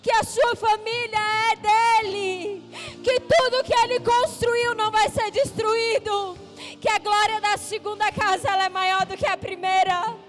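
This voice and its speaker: A woman pastor preaching a sermon with an altar call, impassioned, rising to shouts and tearful pleas. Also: very high voice, fairly even intonation, measured pace, faint music behind. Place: church service.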